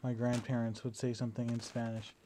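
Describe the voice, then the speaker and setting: Stretched out indoors at home, a young video diarist speaks briskly in a mid-range voice into a battery-powered camera. He's relaxed yet hesitant, stumbling through fillers and restarts, and there's a slight hiss or hum on the recording.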